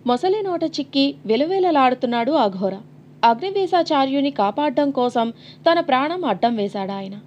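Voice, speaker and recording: Brief: woman audiobook narrator, high voice, dramatic delivery, slightly muffled recording. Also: normal speed, slight background noise. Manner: dramatic, expressive storytelling.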